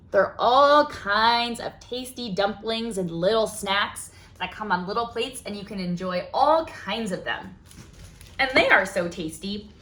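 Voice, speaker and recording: A children's library storytime host reads a picture book aloud in a mid-range voice. She reads with plenty of expression, asking young listeners questions and exclaiming in wonder.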